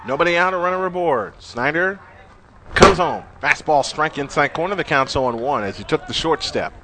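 A man's voice: a little high, moderate pace, background noise. A man giving live baseball play-by-play in terse phrases, as the game announcer.

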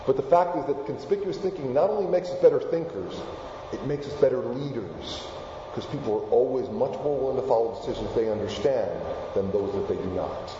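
An Argentine keynote speaker whose first language is Spanish gives a lively presentation to a live audience in a large hall, animated and asking the crowd questions. His medium-pitched voice is brisk. The hall sounds echoey, the audio is dull, and there's background noise.

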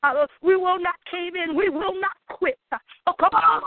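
A woman's voice: very high-pitched, brisk, a crowd in the background. A woman leading a fervent spoken prayer, declaring each line with passion and many uh fillers. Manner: impassioned, declaring, with frequent uh fillers. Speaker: prayer leader. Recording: tinny phone line, dry.

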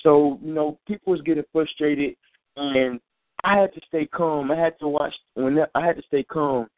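This preacher's voice sits a little high, with fairly even intonation and a moderate pace. Sounding tinny and dry as if over a phone, he shares an earnest, informal testimony and sermon, going back over his words and starting phrases anew.

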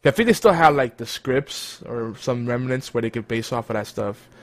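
A man's voice: medium pitch, moderate pace. Male host for an informal podcast segment, easygoing and rambling, mid-range voice. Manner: rambling, with many fillers and self-corrections. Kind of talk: casual chat.

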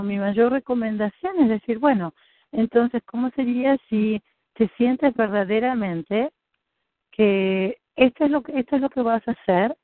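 A woman's voice: fairly high pitch, no room sound. A woman coaching a client, encouraging and explaining with many restarts. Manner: encouraging, many restarts, acts out her own thoughts. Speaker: business coach. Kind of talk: coaching conversation. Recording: tinny phone-like call audio.

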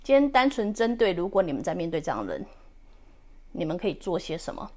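A woman's voice: fairly low pitch, big pitch swings, fast talker. A woman in her forties hosting a podcast, giving casual advice in a chatty way. She often checks in with the listener and drops English words into her speech. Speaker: podcast host.

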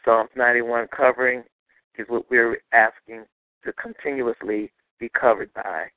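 A man's voice: mid-range voice, fairly even intonation, normal speed, no echo. A man finishing a spoken prayer on a phone line, asking for protection and trust.

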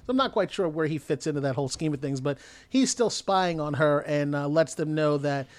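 Higher-voiced man rambling through a recap. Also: brisk, dry recording. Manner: rambling, hesitant retelling with frequent laughs. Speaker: podcast co-host. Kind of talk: casual movie recap chat.

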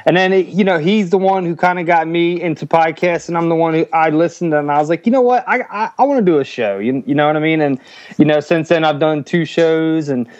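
Guest caller: a man, slightly high voice, eager and rambling, heard over a dull, dry call-in line. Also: brisk, darkish tone, no echo. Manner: eager, rambling, many restarts. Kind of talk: casual podcast chat.

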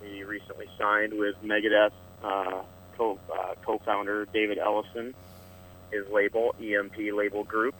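A man from Iowa calling in over the phone as a band's guest, answering casually with frequent hesitant pauses. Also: on the low side, level tone, fairly bright tone, slight background noise, low-quality recording. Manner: hesitant, many filler pauses. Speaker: band member, phone-in guest.

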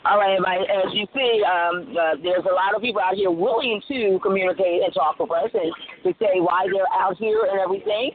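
A Colombian man livestreams street interviews from a city street, talking casually and rambling with plenty of fillers. His voice sits high and brisk, and the tinny, phone-like stream audio carries slight background noise.

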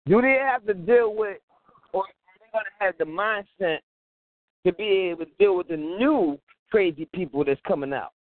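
A man co-hosting a talk radio show from a patchy phone line that fades in and out, talking in an animated way, chuckling and repeating himself for emphasis. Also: high-pitched, moderate pace. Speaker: radio show co-host calling in. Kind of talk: casual talk radio chat. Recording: tinny dry phone line.

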